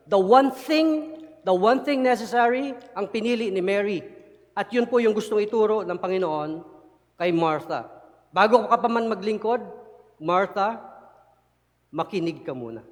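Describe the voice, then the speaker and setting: High-voiced man preaching. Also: normal speed, pauses often. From Philippines. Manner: mixes Tagalog and English, asks listeners rhetorical "di ba?" often; animated, chuckles while explaining. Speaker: church elder preaching. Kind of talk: sermon. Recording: long reverb of a church hall.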